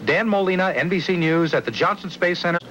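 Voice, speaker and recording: A man's voice: high-pitched, fast talker, a bit bright. A man speaking in an old television news broadcast. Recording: noisy, dull archival broadcast audio.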